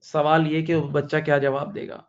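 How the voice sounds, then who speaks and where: A man's voice: fairly high pitch, little pitch movement, moderate pace, lo-fi sound. A man teaching accounting, asking his students questions and answering them himself, repeating each point and telling a story to explain it. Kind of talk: classroom lecture.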